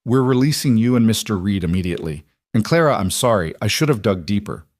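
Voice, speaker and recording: A man's voice: fairly low pitch, expressive, fast, darkish tone, no room sound, close to an everyday voice. A man reading the lines of a stern female federal agent in a clipped, curt way, with a slightly raised voice. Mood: quiet.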